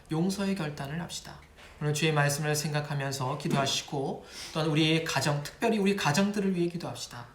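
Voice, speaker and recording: A man's voice: fairly high pitch, a bit bright. A man serving as pastor, preaching and leading a spoken prayer, earnestly calling on God again and again between phrases. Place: church worship space. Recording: echoey room with faint noise.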